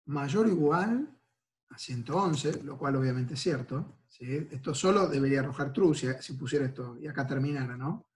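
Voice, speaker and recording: A man with an Argentine Spanish accent, giving a recorded university lecture and explaining each step patiently, checking in with students after nearly every phrase. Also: fairly high pitch.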